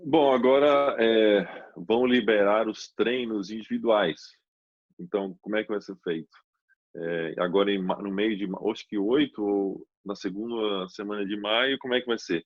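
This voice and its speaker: A man who guests on a podcast and explains things calmly and steadily. His voice sits at an average pitch. The sound is dull and lo-fi, dry, with no room echo. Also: normal speed. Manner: calm, explanatory. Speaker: guest, basketball player. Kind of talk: casual podcast chat.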